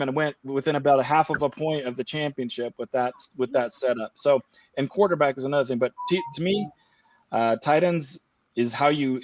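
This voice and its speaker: A man's voice: medium pitch, dry recording. Rambling man on a muffled call. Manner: rambling with many restarts and fillers. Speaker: guest fantasy football player. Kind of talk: casual podcast chat. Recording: dull lo-fi remote audio.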